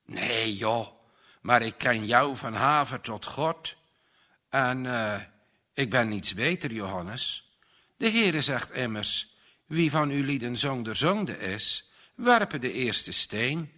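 A man's voice: mid-range voice, lively intonation, takes it slowly, sharp tone. A man voicing an earnest, devout young man.

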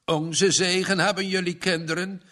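A man's voice: high-pitched, flat delivery, normal speed, a bit bright, pitched above the performer's own voice. A man voicing a jovial older farmer who talks in a hearty, fatherly way. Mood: pleased.

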